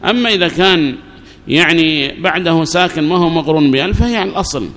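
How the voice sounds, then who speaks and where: A man's voice: fairly high pitch, fast talker, a bit bright. A man teaching a grammar class, who repeats key phrases and quizzes his students. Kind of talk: classroom lesson. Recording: long reverb, faint background noise.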